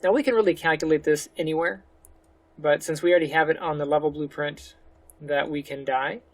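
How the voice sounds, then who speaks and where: A man hosting a casual step-by-step game development tutorial, speaking relaxed and a little slurred, walking through each step on a desktop mic. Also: a little high, brisk, dry recording. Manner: relaxed, slightly slurred speech; talks through each step with fillers like "go ahead". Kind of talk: casual screen-recorded tutorial.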